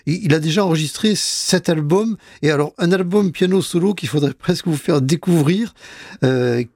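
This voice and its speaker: Slow, hesitant man on radio. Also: fairly high pitch, a little mellow, no room sound, clean studio sound. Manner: hesitant, many fillers and restarts. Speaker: radio music columnist. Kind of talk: casual radio music chat.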